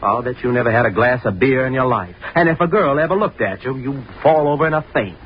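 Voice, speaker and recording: A man's voice: mid-range voice, lively intonation, fast, husky. An actor playing a brash, dismissive young fraternity man, blunt and slangy, in a 1930s radio drama. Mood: scornful. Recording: dull, noisy 1930s radio recording.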